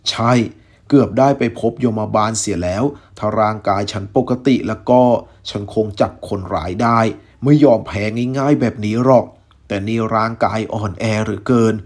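A man's voice: on the low side, normal speed. A man reading as a weakened, tender husband.

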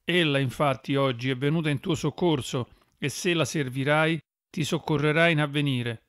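A man voicing a kindly saintly friar who gives urgent, gentle counsel, read as an audiobook. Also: on the high side, normal speed, dry recording, studio quality, close to an everyday voice. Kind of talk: audiobook reading.

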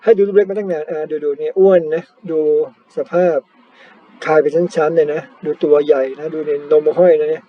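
A man's voice: on the high side, fairly even intonation, fairly quick. A man from Thailand chatting casually as a cycling vlogger, self-mocking and full of polite particles. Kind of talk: casual chat over screen photos. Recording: slightly dull, lo-fi sound.

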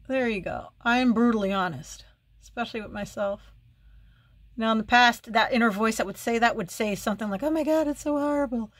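A woman with a fairly bright voice on the high side chats casually while seated at home doing makeup, a beauty vlogger in get-ready-with-me mode. She is full of wry remarks and mumbled asides, and there's no room sound at all.

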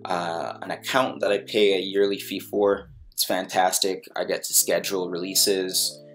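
Low-voiced guy from barbados doing a laid-back screen tutorial, lots of ums, faint music behind. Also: moderate pace. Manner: relaxed, full of ums and restarts. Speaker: music producer giving a tutorial. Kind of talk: casual screen-recorded tutorial.

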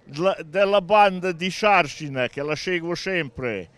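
Festival-goer guy, smooth high voice, friendly. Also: unhurried, fairly bright tone. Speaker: festival visitor.

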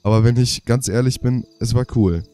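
Soft music plays behind a young man reading game diary entries for his let's play, his nose half blocked by a cold. His medium-pitched voice is dark yet clean and fairly quick, and he trips over words and fixes them.

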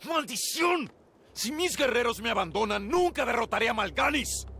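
An actor playing a proud, vengeful young warrior prince in a video game, commanding and dramatic. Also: male voice, very high-pitched, lively intonation, fairly quick, creaky, sharp tone, slight background noise, heavily acted. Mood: furious commanding. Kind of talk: video game cutscene acting.

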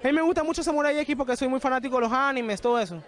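A man's voice: very high voice, very fast, a bit bright. A young man in costume at an outdoor fan event, answering a street interview in a rambling, hesitant way, repeating fillers, into a handheld mic.

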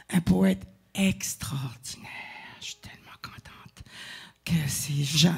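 A woman's voice: low voice, vocal fry, breathy edge. A woman from Acadia with an Acadian French accent, chatting with her audience from the stage between songs in a chatty, rambling way. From Acadia, eastern Canada. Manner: chatty, warm-hearted, rambling with fillers and self-corrections. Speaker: singer presenting her album. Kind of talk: casual stage banter with a live audience. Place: concert venue stage.

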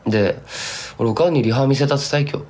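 A young man from Kumamoto, Japan, who is a singer-songwriter, rambles casually to fans on a live stream, his speech slipping into thick local dialect. His voice is mid-range, fast, and a little mellow.

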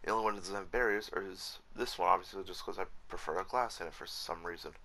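Man, gravelly low voice, bright edge, casual game commentary, swears a lot. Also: fast talker. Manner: frustrated, swears often, self-correcting. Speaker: Minecraft YouTuber.

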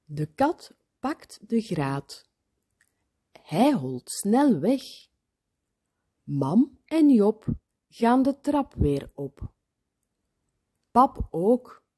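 A woman reading a children's story aloud, very expressive, sometimes dropping to a whisper. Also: on the high side, husky. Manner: very slow, expressive, drops to whispers.

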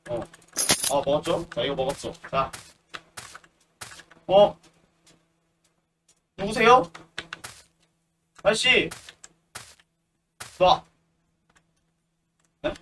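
This horror game let's play comes from a male streamer whose voice runs fairly high and who talks very slowly with long pauses. He banters, pokes fun at the characters, and yelps or shouts whenever something jumps out. His distant mic picks up obvious background noise.

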